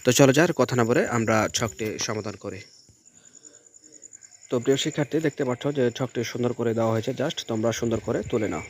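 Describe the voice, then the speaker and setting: A man teaching a textbook lesson online in a brisk, encouraging way, often repeating the same filler words. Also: mid-range voice, slight background noise. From Bangladesh.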